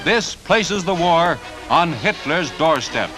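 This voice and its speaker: 1940s newsreel narrator, man, high-ish lively voice, punchy and wry, music bed behind. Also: slow pace. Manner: punchy announcer delivery with wry quips. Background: music score.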